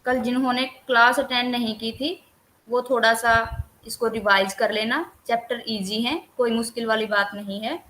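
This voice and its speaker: Flat-voiced woman teacher revising online. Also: a little high, low-quality recording. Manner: lists topics steadily with few pauses. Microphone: computer mic on a video call.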